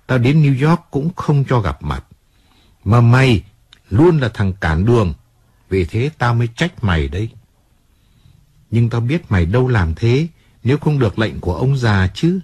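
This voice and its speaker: A man's voice: medium pitch, a little mellow, slightly rough, no room sound. A male audiobook narrator voicing Johnny, a 35-year-old fading singer who is drunk, bitter and full of self-pity. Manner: remorseful, self-pitying outbursts. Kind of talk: audiobook character reading.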